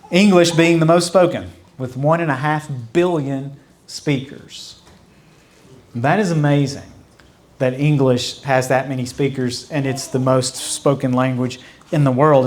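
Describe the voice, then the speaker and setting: A man as pastor, teaching a Bible study in a conversational way, explaining with repetition and asides. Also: mid-range voice. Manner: mimics mocking babble with fading repeats. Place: church.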